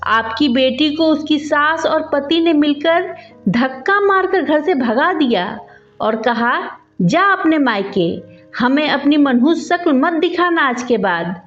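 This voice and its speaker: A woman's voice: high-pitched, lively intonation, takes it slowly, a bit bright, reverberant, highs cut off, soft background music, exaggerated voice. A woman voicing a spoiled young married daughter who complains tearfully.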